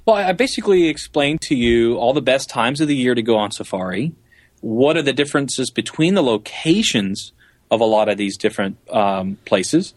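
A man with a mid-range voice talks as an interview guest, explaining things eagerly and conversationally, like a guide who loves his job. His intonation is lively and his pace moderate. The recording is dry, with hardly any room sound around him.

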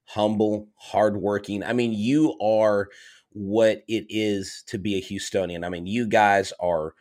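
A man's voice: lowish voice, fairly even intonation, unhurried, darkish tone. A man hosting a casual sports podcast interview, talking enthusiastically in long, rambling turns with frequent fillers. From Florida. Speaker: podcast host.

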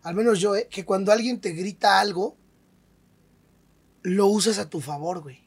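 Un hombre con acento mexicano, comediante invitado en una charla de pódcast, que cuenta historias con mucha jerga y énfasis. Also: male voice, high voice, moderate pace, husky. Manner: slangy, emphatic storyteller. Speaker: stand-up comedian guest. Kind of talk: casual podcast interview.

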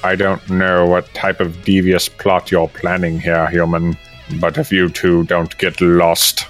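A man voicing a skeptical male griffin guard with slow, slurred speech for a comic fanfiction reading. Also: low voice, monotone, soft background music, voice pushed down. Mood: suspicious.

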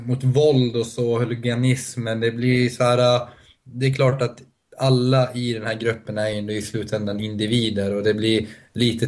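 A man's voice: mid-range voice, darkish tone. A man talking on a podcast panel, hesitant and restarting often, laughing between points. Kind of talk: casual podcast discussion.

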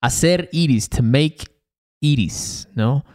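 Relaxed Veracruz man explaining slang. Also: medium pitch, takes it slowly. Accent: Veracruz Mexican Spanish. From Veracruz, Mexico. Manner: explains slang relaxedly, tosses in English glosses and tag questions. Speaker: podcast co-host. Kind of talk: casual conversational language lesson.

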